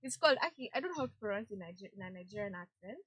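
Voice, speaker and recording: A woman's voice: medium pitch, lively intonation, very fast, fairly bright tone, husky, dry recording, highs cut off. A young Kenyan woman co-hosting a radio show, chatting casually and mixing in Swahili slang. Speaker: radio co-host. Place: radio studio.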